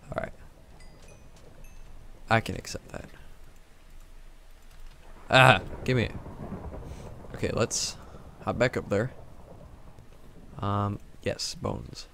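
A man's voice: lowish voice, very slow, gravelly, long pauses, fairly bright tone, slight background noise. A man casually commenting on his Minecraft game, talking to himself and the mobs, with frequent exclamations. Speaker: gaming YouTuber.

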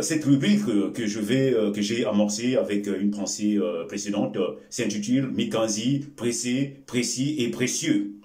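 A Congolese man in his forties, whose first language is Bembe, speaks slowly and emphatically to the camera in a fairly low, warm voice, full of filler sounds and repeated words. Hosting a life-lesson video, he gestures with both hands while giving a motivational talk in a small indoor room before a curtain, and the room echoes.

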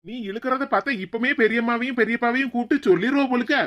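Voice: medium pitch, fast talker, highs cut off, lightly acted. A performer voicing a Kanyakumari office man. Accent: Kanyakumari Tamil. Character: young male office worker, good-natured. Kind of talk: animated cartoon dialogue.

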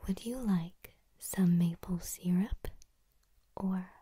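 A young woman gives an ASMR whispered role-play in a soft bedside voice. Her whisper is breathy and dark, unhurried and soothing. She sits very close to the microphone. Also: fairly low pitch. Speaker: ASMR host leading vocal warm-ups. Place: small room at home, indoors. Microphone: close to the mic, leaning in.

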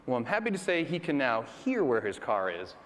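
Lively man narrating a stage demo. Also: medium pitch, fairly quick. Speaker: guest presenter. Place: large conference hall stage. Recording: large hall with audience murmur.

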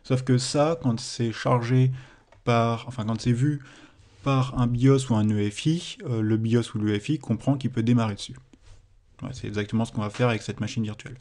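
A man's voice: medium pitch, steady tone, normal speed, darkish tone. A man with a French accent, explaining a computing exercise in a screen-recorded tutorial, with hesitations and self-corrections. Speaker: teacher.

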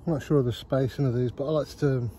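A man in his thirties talks rapid-fire in a mellow, medium-pitched voice with fairly even intonation, and the recording is rough. Vlogging from an outdoor allotment, he rambles and jokes about himself with lots of ums. The phone camera is held close and outdoor noise runs behind him.

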